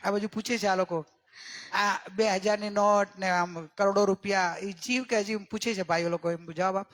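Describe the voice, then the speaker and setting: A man giving a religious discourse as a spiritual teacher. He keeps checking in with his listeners and draws key words out slowly for emphasis. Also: sits high, steady tone, fairly bright tone. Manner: questioning, coaxing listeners with repeated checks.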